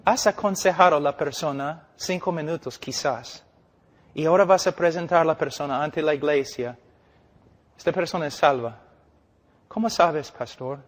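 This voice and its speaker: A middle-aged man preaching a sermon with passion, swinging between loud declarations and hushed emphasis, full of rhetorical questions. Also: a little high, normal speed. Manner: rhetorical questions and vivid storytelling. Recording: long reverb of a large hall.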